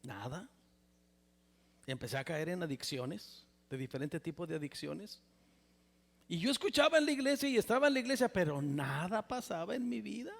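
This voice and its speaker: A Mexican man in his sixties preaching a personal testimony sermon in a church, with a Mexican Spanish accent, swinging from loud exclamations to near whispers. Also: high-pitched, very animated, normal speed, vocal fry. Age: 60s. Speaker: pastor. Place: church sanctuary. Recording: reverberant church hall.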